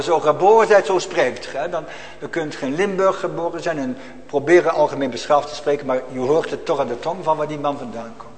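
A man preaching a sermon in a church, swinging from loud exclamations to hushed, almost whispered lines. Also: a little high, in a large hall, slight background noise. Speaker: pastor.

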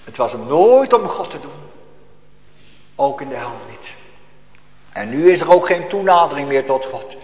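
A man preaching a sermon emphatically, repeating phrases and swinging from loud to hushed. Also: medium pitch, very animated, measured pace, long pauses. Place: church. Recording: echoey church hall with faint ambience.

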